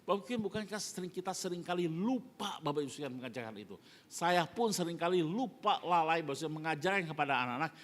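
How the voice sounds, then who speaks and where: A middle-aged man preaching a sermon as pastor, constantly addressing the congregation and swinging between emphatic rises and hushed phrase endings. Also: fairly high pitch. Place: church sanctuary during a live service. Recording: long church hall reverb.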